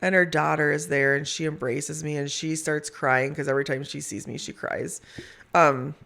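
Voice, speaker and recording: Female hospice nurse storyteller: gravelly fry in the voice, heartfelt and emphatic, conversational. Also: sits low, level tone, normal speed, fairly bright tone. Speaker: hospice nurse, podcast guest.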